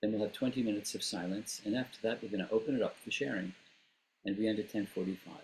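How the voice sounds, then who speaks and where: A man opens an online meditation gathering, greeting everyone and laying out the plan in a friendly, orderly way. His voice sits a little low, with a faint hiss underneath. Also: quick pace, poor audio. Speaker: host. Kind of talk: welcoming introduction.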